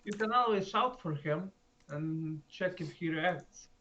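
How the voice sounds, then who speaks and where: A man's voice: a little high, animated, unhurried, sharp tone. A man playing a tabletop game over voice chat, dry and matter-of-fact. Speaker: player. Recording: dull lo-fi mic with faint hiss.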